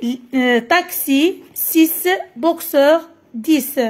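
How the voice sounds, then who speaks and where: Slow high-voiced Moroccan woman teacher. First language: Moroccan Arabic. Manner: slow, repeats each word carefully. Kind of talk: French phonics lesson for children.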